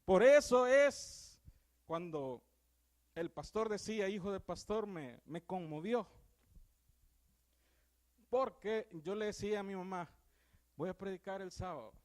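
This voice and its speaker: A young man with a Salvadoran Spanish accent preaching a sermon in church. He swings from loud exclamations to hushed, earnest tones. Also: high-pitched, expressive, a little slow, pauses often.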